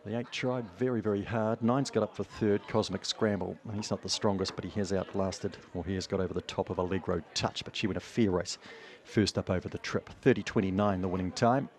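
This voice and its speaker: A man's voice: sits low, steady tone, fairly quick. A man with a broad New Zealand accent giving live greyhound race commentary in a clipped running call of positions.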